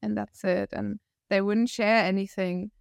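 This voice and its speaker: A woman in her thirties with a northern German accent, a podcast guest telling her story in a reflective, animated way. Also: medium pitch, a little slow, creaky, smooth, no room sound, studio quality. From northern Germany, near Hamburg. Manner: reflective, animated storyteller who laughs often. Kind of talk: casual interview conversation.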